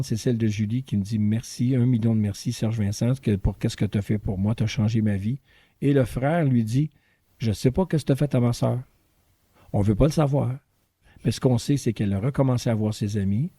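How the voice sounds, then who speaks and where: A man with a Québécois accent, a guest in a casual interview, telling a story in an animated way and acting out the dialogue. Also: fairly low pitch, slightly rough, dry recording, clean studio sound. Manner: animated storyteller who acts out quoted dialogue. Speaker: guest singer-songwriter and voice teacher.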